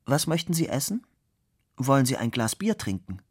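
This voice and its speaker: A man's voice: mid-range voice, sing-song, moderate pace, slightly rough, pitched above the performer's own voice. A man reading aloud who voices an earnest young man, polite but firm and ironic. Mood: kind.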